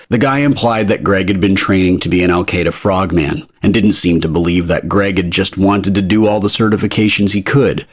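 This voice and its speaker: A man narrating a story in an even, wry manner on a close mic. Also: deep voice, husky, dry recording. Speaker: audiobook narrator. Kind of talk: scripted narration.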